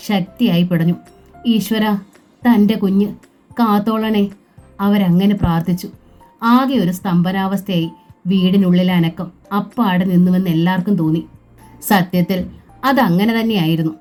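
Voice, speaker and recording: A woman narrating a family novel aloud in an even, measured storytelling voice. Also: fairly low pitch.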